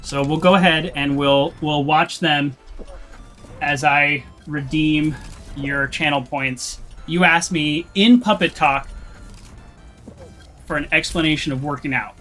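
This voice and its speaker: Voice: medium pitch, steady tone, takes it slowly, fairly bright tone, soft background music. A game streamer chatting casually to viewers during a live stream, with frequent restarts and little laughs.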